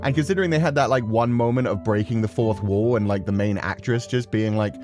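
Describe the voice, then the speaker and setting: A gaming streamer talks fairly quickly in a low, darkish voice with soft background music. Hosting his livestream, he rambles casually and expressively before he plays.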